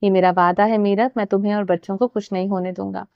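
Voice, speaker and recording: A woman's voice: mid-range voice, level tone, vocal fry, clean tone, no room sound, highs cut off, close to an everyday voice. A woman voicing a devoted, protective husband in her own earnest reading voice. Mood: tender, resolute.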